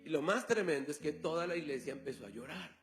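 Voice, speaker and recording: A man's voice: fairly high pitch, lively intonation, fast, over music. A male pastor preaching a sermon, telling a story and acting out the dialogue. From Colombia.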